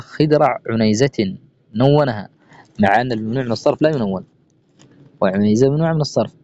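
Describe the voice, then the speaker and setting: A man teaching a grammar lesson, asking himself quick rhetorical questions and quoting verse. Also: medium pitch, mellow. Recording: dull lo-fi recording with faint noise.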